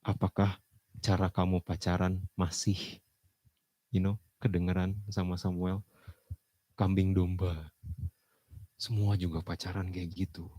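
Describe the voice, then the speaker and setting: A male pastor preaching casually, dropping English phrases into slang and jumping to loud emphasis. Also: sits low, unhurried, pauses often, dry recording. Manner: lively, with sudden loud emphasis. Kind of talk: sermon.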